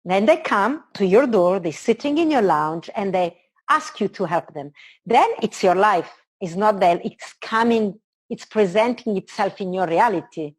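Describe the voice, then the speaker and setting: Woman, Italian accent, mid-pitched voice, earnest spiritual teaching, expansive manner, short reflective phrases. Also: lively intonation, moderate pace. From Italy. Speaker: spiritual teacher being interviewed.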